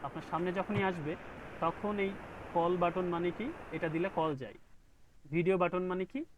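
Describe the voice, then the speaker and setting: A man's voice: high-pitched, normal speed. Man teaching over a noisy video call. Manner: explains step by step and keeps checking understanding. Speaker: graphic design instructor. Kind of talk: online class lecture.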